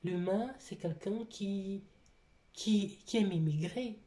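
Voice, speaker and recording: Woman with a foreign accent, dark voice. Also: medium pitch. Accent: foreign accent in French. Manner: halting, many restarts and fillers. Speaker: vlogger, single mother. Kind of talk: personal confessional talk.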